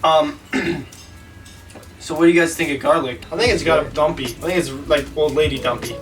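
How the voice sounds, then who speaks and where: A man's voice: fairly high pitch, fairly even intonation, fairly quick, fairly bright tone. A young man co-hosting a casual comedy chat, rambling and laughing often. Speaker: co-host. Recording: distant mic with music.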